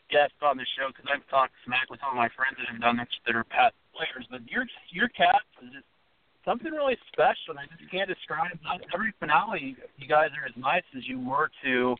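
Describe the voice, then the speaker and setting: A man's voice: mid-range voice, no room sound. A man hosting a casual interview from a car over a speakerphone call, talking in an eager, rambling way. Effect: heard over a phone on speakerphone. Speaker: podcast host. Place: inside a car. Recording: tinny speakerphone call, dry.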